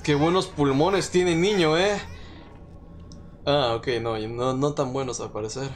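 A man with a Mexican Spanish accent streams a horror game live, swearing and looping the same nervous phrases over and over. His voice sits at a middling pitch. The recording carries a steady hiss of noise with game ambience underneath. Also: unhurried. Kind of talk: live let's-play commentary.

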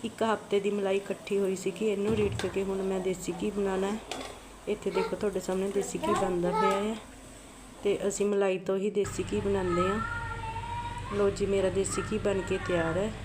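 A woman's voice: medium pitch, moderate pace, very noisy. A woman hosting a home cooking channel, explaining each step in a homely, repetitive way while she has a sore throat, in her kitchen. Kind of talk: home cooking vlog narration.

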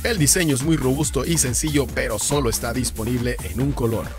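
Over background music, a man reads a scripted rundown of subwoofer specs and prices for a car audio channel. His medium-pitched voice moves fairly quickly, keeping an even, explanatory tone through the lists.

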